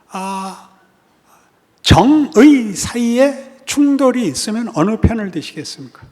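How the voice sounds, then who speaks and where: A male pastor preaching a sermon, swinging from loud exhortation down to hushed, whispered asides. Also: high-pitched, big-room sound. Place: church sanctuary.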